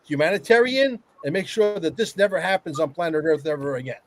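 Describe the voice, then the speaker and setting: A man with a notably high voice holds forth on a panel talk. He is emphatic and blunt, repeating phrases to drive his points home. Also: lively intonation, a little fast, no echo. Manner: emphatic, repetitive, coarse-tongued. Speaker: roundtable panelist. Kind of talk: animated opinionated discussion.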